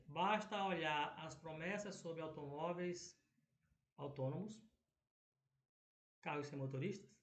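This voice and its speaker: Going over exam questions, a male teacher speaking Brazilian Portuguese, his voice on the high side, keeps checking in with "tá?" and "né?" amid many fillers. The room sounds reverberant.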